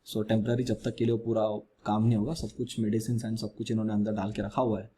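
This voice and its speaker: Soft-spoken man with a husky, mellow voice. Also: lowish voice, level tone. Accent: Indian English. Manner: measured, explanatory, mixes English phrases into Hindi. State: speaking softly due to ear injury. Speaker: market analyst host. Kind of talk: weekly market analysis talk. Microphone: close mic with gain raised.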